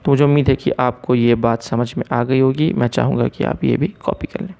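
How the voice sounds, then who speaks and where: A man teaching a recorded physics lesson, mixing Hindi with English terms, explaining slowly and checking in often with his students. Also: medium pitch, steady tone, gravelly, warm tone.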